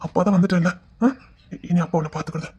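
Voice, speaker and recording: A woman's voice: lowish voice, fairly even intonation, fast, dull audio, a little hiss or hum, voice pushed down, lightly acted. A woman voicing a weary middle-aged father who pleads with his daughter to stop. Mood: placating. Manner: pleading, placating.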